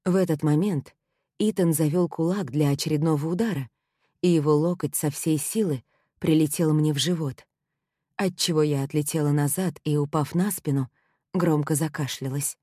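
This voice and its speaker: Woman narrator, first-person audiobook, low voice, dry close sound. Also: normal speed, warm tone, husky, dry recording.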